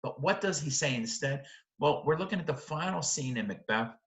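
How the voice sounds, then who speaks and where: Close to a webcam in an indoor room, a middle-aged literature teacher explains his subject emphatically, often using rhetorical questions and check-in tags. He speaks at a normal speed in a fairly high, expressive male voice, and the sound is roomy and echoing.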